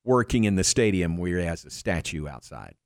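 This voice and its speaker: A man's voice: sits low, sing-song, fairly quick, no room sound, clean studio sound. Male sports radio host chatting casually. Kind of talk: casual conversational sports talk.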